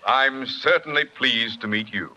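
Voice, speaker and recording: An actor playing a courteous, hesitant society doctor in a 1940s radio comedy. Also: male voice, mid-range voice, a little slow, bright, forceful tone, rough recording. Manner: courteous, hesitant, then hearty. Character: polite doctor secretly from Brooklyn. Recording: old radio recording with hiss.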